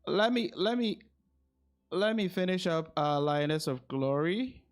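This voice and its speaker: On a game livestream, a man with a fairly high voice chats casually at a measured pace, thinking aloud and repeating phrases as he goes.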